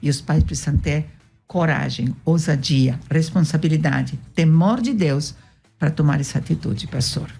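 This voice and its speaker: Earnest woman guest, low gravelly voice, music faint underneath. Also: normal speed, warm tone. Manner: earnest, firm, repetitive emphasis. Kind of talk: testimony and advice on a talk show.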